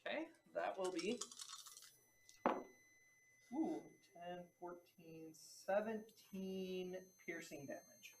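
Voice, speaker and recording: A man's voice: high-pitched, slow, pauses often. Chatty male player, roomy and noisy. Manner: chatty, laughs often, lots of "like". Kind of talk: casual tabletop play. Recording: roomy with clear background noise.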